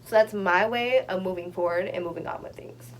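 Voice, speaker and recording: A young woman talking openly in a relaxed conversation, reflective and quick to laugh. Her voice sits somewhat low for a woman. A faint background noise runs beneath. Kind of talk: casual chat.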